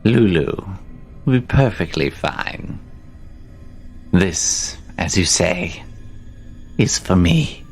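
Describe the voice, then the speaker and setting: A man voicing a tall, sly female hag who speaks calmly. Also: sits low, extremely slow, pauses often, soft background music, full character voice. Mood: calm menace.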